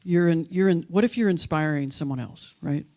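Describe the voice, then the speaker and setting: A low, slightly mellow voice at a normal speed belongs to a woman minister running a sharing circle in a church hall. She keeps things casual and playful, encouraging people to share and trading jokes with the congregation.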